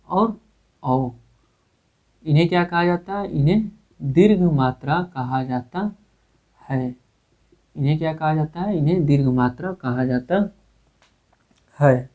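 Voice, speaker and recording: A man's voice: fairly high pitch, darkish tone. Man teaching with tinny lo-fi sound. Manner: repetitive, quizzing questions answered by himself. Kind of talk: grammar lesson. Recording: tinny phone-like recording.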